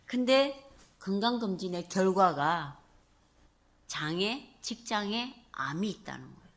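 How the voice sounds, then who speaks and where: A middle-aged woman giving a testimony sermon in church, telling her story with animated feeling. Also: mid-range voice, measured pace. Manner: animated storytelling, acting out her own past words. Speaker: preacher. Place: church sanctuary.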